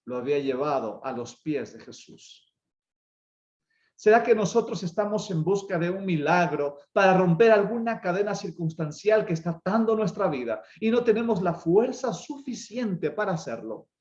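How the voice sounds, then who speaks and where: A man's voice: big pitch swings, normal speed. A male pastor preaching an evangelistic sermon with passion, his voice rising and falling dramatically between phrases. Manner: impassioned preaching with dramatic swings of pitch and loudness. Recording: roomy, slightly dull church recording.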